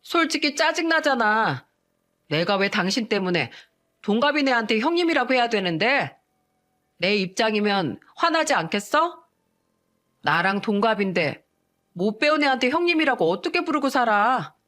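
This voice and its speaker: A woman's voice: mid-range voice, animated, moderate pace, fairly bright tone, natural voice. A woman voicing an arrogant young woman lawyer who mocks and looks down on her sister-in-law, with a tipsy, taunting manner. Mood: resentful. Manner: mocking, drunken taunting.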